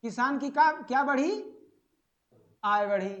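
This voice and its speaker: With a very high, fairly bright voice, a man teaches an agriculture lesson aimed at an exam. He asks the class things and answers them himself, slowly stretching key words, in dull lo-fi audio.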